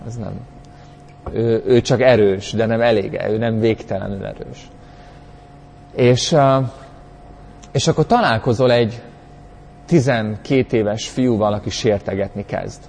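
A man's voice: mid-range voice, darkish tone, in a large hall, a little hiss or hum. A man teaching from the Bible in a conversational way, reflective, often searching for words, with bursts of dramatic emphasis. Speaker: preacher.

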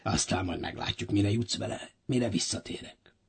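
A man voicing a stern wealthy master in a storybook audio reading, who shouts his orders in a high, sharp voice. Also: vocal fry, husky, heavily acted. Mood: commanding, pleased. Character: stern wealthy master, middle-aged man, quick to anger.

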